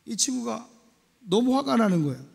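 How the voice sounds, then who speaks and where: A male pastor delivers a sermon with lively, animated energy, acting out voices and raising to shouts. His voice sits high and has a gravelly edge. It rings with a long reverb, as in a church hall. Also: moderate pace. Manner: animated preaching, acts out dialogue with shouts.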